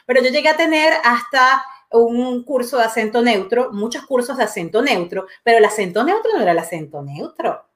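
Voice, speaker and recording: Animated woman host. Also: a little high, fairly quick, few pauses. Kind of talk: casual live-stream chat.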